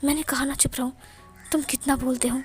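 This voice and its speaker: A woman voicing a stern, possessive young man who speaks in curt, hushed commands in a storybook reading. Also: sits high, flat delivery, a little fast, husky, soft background music.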